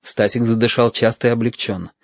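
A man's voice: medium pitch, steady tone, brisk, vocal fry, no echo. Man narrating a story in a dull recording. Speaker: audiobook narrator. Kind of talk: scripted narration. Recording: dull, dry lo-fi audio.

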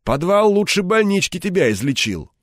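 Man playing a gruff gang boss. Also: sits high, sing-song, moderate pace, a bit bright, dry recording, clean studio sound, pitched above the performer's own voice. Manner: curt, commanding, hoarse growl. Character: gruff male gang leader, hard and commanding. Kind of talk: audiobook character voice.

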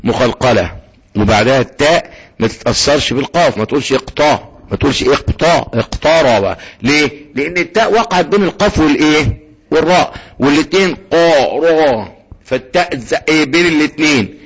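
A man with an Egyptian accent teaching tajweed. He often asks a question and answers it himself, and he recites slowly when he gives an example. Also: a little high, breathy edge, dull audio. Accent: Egyptian Arabic.

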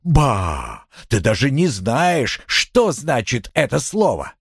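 A man voicing a furious, jealous young wife in an audiobook, with shrill, scornful outbursts. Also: very animated, measured pace, slightly rough, no room sound, clean studio sound, full character voice. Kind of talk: audiobook character voice.

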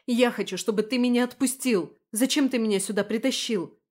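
A defiant young woman hurls sharp, shouted retorts, pitch leaping high and loud, as a woman acts her out in an audiobook. Her voice swings freely and stays fierce. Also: fairly quick, close to an everyday voice. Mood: furious. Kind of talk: audiobook dialogue acting.

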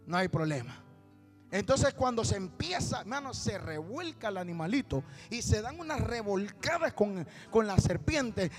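A male preacher telling a story in a sermon, rising to shouted exhortation and calling his listeners brother. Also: very high voice. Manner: calls listeners "hermano" constantly. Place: church.

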